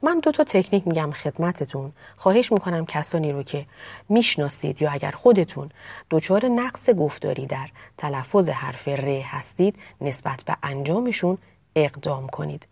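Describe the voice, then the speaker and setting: A woman teaching pronunciation, explaining calmly and reciting verse slowly and expressively between sound drills. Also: low voice, creaky, dry recording. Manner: calm explanatory teaching, addresses listeners politely. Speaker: speech and diction teacher. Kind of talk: pronunciation lesson with poetry recitation.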